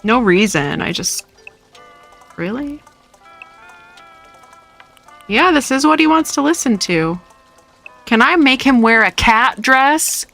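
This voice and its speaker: A woman streamer chats playfully and casually with her viewers while gaming, laughing often. Her voice is high, expressive, gravelly, and fairly bright, and she speaks slowly with long pauses. It's recorded dry on a close mic with faint music behind.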